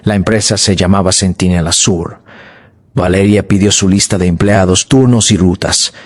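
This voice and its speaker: A man narrating a fictional crime story in a calm, measured documentary style. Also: low-pitched. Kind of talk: scripted true-crime narration.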